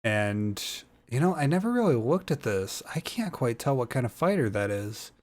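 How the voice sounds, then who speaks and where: A man's voice: medium pitch, big pitch swings, normal speed. A young man giving a casual, rambling reaction commentary, hesitant and full of fillers. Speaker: YouTuber reacting to a trailer.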